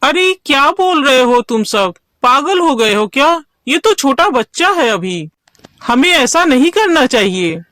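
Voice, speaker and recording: A man's voice: extremely high pitch, lively intonation, unhurried, a bit bright, dry recording, exaggerated voice. A man voicing a poor village man who turns greedy, in a cartoon story with an emphatic, pleading manner. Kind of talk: cartoon voice acting.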